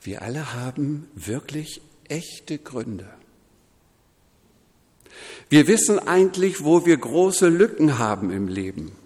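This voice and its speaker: Guy giving a slow sermon, mid-pitched voice, big church echo. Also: big pitch swings, darkish tone. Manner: slow, measured preaching with quoted voices woven in. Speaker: preacher.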